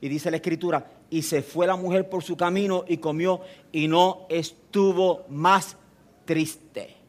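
A man preaching a sermon, speaking to the listener directly with repetition and rhetorical questions, and rising to loud, emphatic passages. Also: high voice, steady tone, measured pace.

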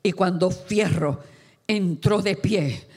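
A man's voice: high voice, slow, darkish tone, husky. A man, preaching a sermon as pastor and telling a story with fervent, dramatic delivery.

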